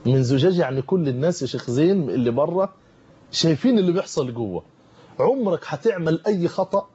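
A man with an Egyptian accent preaches at a rapid clip in a fairly high, husky voice, pressing urgent warnings on his listeners. His tone is dark and mellow, and the studio broadcast has a dull, lo-fi quality. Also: lively intonation. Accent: Egyptian Arabic. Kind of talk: televised sermon. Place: television studio.

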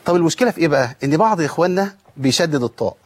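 A man with an Egyptian accent leads a tajweed lesson at a fast clip. His voice sits a little high. He breaks off into slow, drawn-out demonstrations of each sound. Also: expressive, husky. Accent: Egyptian Arabic. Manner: explains briskly, then draws out sounds slowly to demonstrate them. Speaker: Quran recitation teacher.

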